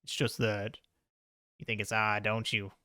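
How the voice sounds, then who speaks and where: A man reading the lines of an odd hospital janitor who dotes on his machine, slow and earnest. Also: fairly low pitch, completely flat delivery, pushed and bright, dry recording, clean studio sound.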